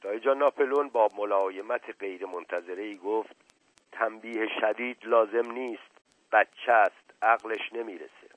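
A man's voice: mid-range voice, dry recording. Man reading a story over tinny radio. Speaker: narrator. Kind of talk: audiobook reading of a novel. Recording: dry tinny radio recording.

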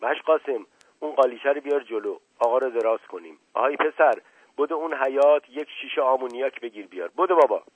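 Man doing a joking aristocrat, bossy and quick, husky, tinny phone sound. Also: medium pitch, no room sound, close to an everyday voice. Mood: teasing, urgent. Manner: teasing, commanding. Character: playful aristocratic middle-aged man, witty and bossy. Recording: narrow phone-like band, dry.

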